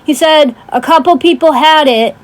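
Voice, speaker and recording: Speaking at normal speed in a high voice, a female livestream host delivers a blunt, sweary, casual rant. Emphatic tag questions pop up often as she checks in with her audience.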